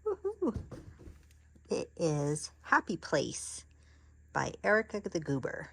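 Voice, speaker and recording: Woman, low husky voice, slow casual chat, excitable unboxing vlog. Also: no room sound. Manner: gasping, excitable, chatty with restarts. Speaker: crafting vlogger.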